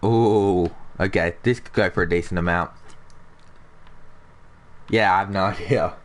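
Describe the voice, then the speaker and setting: Over gameplay, a young channel host with a deep, slightly sick and nasal voice chats casually with his viewers and the chat. He speaks a little slowly, with fairly even intonation.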